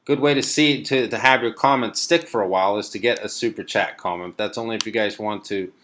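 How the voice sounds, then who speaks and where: A young Swedish man hosts a live stream, casually reading out viewer comments and answering them in a relaxed, rambling manner full of fillers. His voice is on the low side and he talks a little fast.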